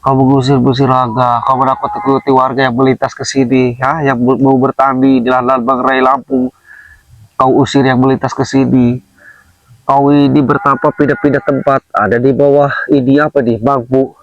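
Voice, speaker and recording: A man's voice: mid-range voice, flat delivery, moderate pace, far from the mic, muffled recording. A man leading an exorcism, questioning sternly and breaking into frequent Islamic exclamations. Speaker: exorcist, host. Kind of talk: exorcism session.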